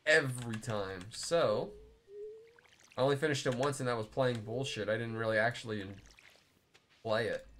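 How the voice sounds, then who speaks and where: A man's voice: medium pitch, moderate pace, pauses often, fairly bright tone, a little hiss or hum. A young man live-streaming a game, chatting loosely with viewers, rambling and swearing as he plays. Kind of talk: casual live-stream chat while playing.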